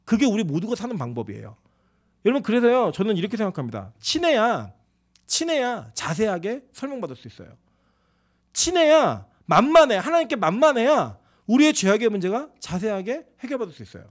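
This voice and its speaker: A man in his forties, a pastor, preaching a sermon in an animated, conversational way and acting out quoted exchanges. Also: sits high, fast talker. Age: 40s. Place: church sanctuary.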